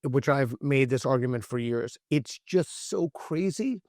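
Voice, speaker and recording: A man speaks as an interview guest in an earnest, argumentative way, stopping and restarting his sentences as he builds a point. His voice sits at an ordinary middle pitch. The recording is dry, with no room sound. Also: animated, measured pace, a little mellow, dry recording. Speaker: guest author. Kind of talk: interview conversation.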